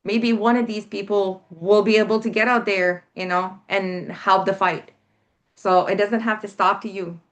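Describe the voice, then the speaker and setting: A Canadian woman, a health coalition organizer, speaks as a guest in a casual interview. Her medium-pitched voice is steady and moderately paced, and she sounds earnest and emphatic, often repeating her point.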